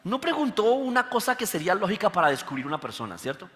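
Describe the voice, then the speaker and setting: A man preaching a lively sermon as pastor, full of rhetorical questions. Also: high voice, fast talker. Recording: long hall reverb.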